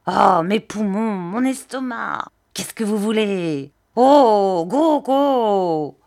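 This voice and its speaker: A woman's voice: mid-range voice, slow, vocal fry. A woman shrieking as a mad old junk dealer. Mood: ferocious. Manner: shrieking, wailing sing-song cries. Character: mad old male rag dealer, ferocious, drunken.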